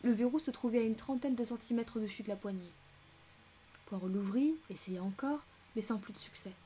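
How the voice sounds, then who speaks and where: Mellow-voiced French woman reading aloud. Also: fairly high pitch, a little fast, slight background noise. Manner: chatty asides between expressive narration. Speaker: audiobook reader and channel host. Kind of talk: casual audiobook reading with asides.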